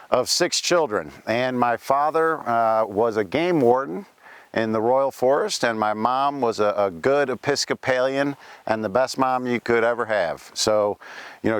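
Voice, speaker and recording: Speaking as the ghost of a Welsh-born pioneer gold miner, this costumed cemetery tour performer tells his life story in the first person, folksy and full of asides, outdoors among the graves. It's a historical reenactment in a smooth, natural, medium-pitched male voice with no room sound.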